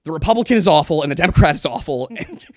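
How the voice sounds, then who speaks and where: A man in his twenties co-hosting a podcast, chatting casually and joking, with quick asides. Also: on the high side, expressive, no room sound, clean studio sound. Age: 20s. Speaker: podcast co-host.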